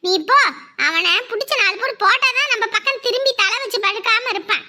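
A woman's voice: very high-pitched, a little fast, background noise. An actress playing an angry, protective middle-aged village mother who rants indignantly, in a web drama. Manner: indignant, ranting.

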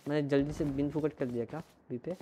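A male game streamer chatting casually and joking while shouting quick team callouts. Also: a little high, fairly even intonation, background noise. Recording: gameplay audio with gunfire behind.

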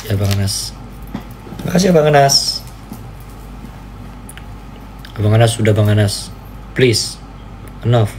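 A man preaching and chatting on a live stream, playfully pleading and jumping into squeaky high cries, with a faint hiss behind him. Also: a little mellow. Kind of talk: casual live-stream chat.

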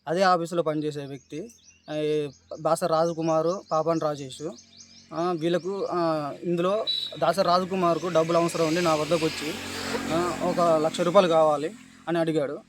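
A distressed man speaks with a Telangana Telugu accent, his voice pitched fairly high. He pleads haltingly, breaking off and restarting, and keeps calling his listener sir. Faint noise sits behind him. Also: steady tone. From Telangana, India. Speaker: complainant describing police abuse. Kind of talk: recorded interview testimony.

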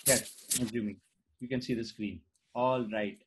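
A startup founder from India with Gujarati as his first language does a product walkthrough over screen share on a video call. His medium-pitched voice keeps a steady tone and moderate pace, and he speaks conversationally with many "uh" fillers and "right?" tags. The webcam mic in the indoor room picks up slight background noise.

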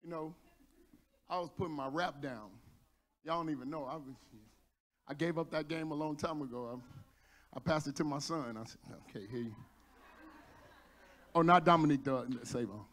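A male pastor from Texas preaching a sermon, building to shouts at the high points and joking with the congregation. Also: brisk, pauses often. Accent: Texan. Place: church sanctuary.

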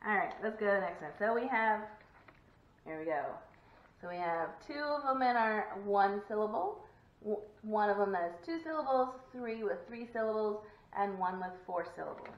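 A woman's voice: mid-range voice, lively intonation, moderate pace. A woman teacher giving a video lesson to young children, encouraging and sing-song, clapping out syllables. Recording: echoey room, dull lo-fi sound.

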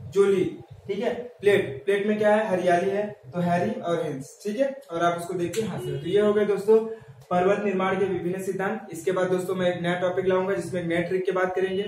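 A man's voice: high voice, little pitch movement, fast, a little mellow, far from the mic. A man giving an exam-prep lesson on memory tricks, asking questions and answering them himself while repeating key words. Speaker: teacher. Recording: very echoey room, voice from off mic, faint ambient noise.

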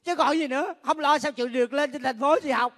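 A performer playing a sharp-tongued younger sibling. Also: sits high. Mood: scolding. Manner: scolding, rapid reproach. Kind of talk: live stage comedy skit.

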